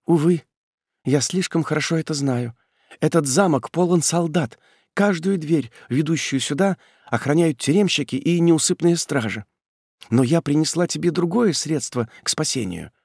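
A man's voice: on the high side, expressive, normal speed, creaky, darkish tone, husky, no echo, studio quality, pitched above the performer's own voice, heavily acted. A man reading an audiobook and voicing a young woman, a devoted and desperate lover, in an impassioned, tearful, pleading way. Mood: sorrowful pleading.

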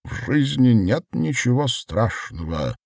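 A man's voice: medium pitch, sing-song, unhurried, vocal fry, a little mellow, no room sound, studio quality, voice pushed up, full character voice. A man voicing a hunched, grandiose older dictator whose voice cracks as he declaims.

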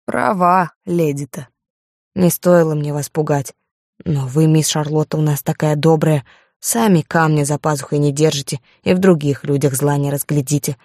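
A woman's voice: low voice, steady tone, moderate pace, dry recording, studio quality. A woman voicing a kind, plain-spoken old female cook who fusses over the girl. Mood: tender. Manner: homely, fussing, soft-hearted.

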